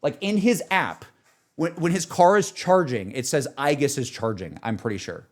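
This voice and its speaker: Here a man streaming games live speaks in a mid-range, animated voice at normal speed. The chat is casual and emotionally reflective about games, delivered earnestly and emphatically, rambling and frequently circling back.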